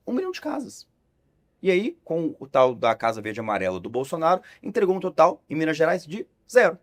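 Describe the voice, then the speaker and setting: A man in his twenties from Brazil, a young politician talking as a podcast guest in a sarcastic, animated way. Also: on the high side, a little fast. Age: 20s. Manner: animated, sarcastic, lively intonation. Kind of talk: casual podcast conversation.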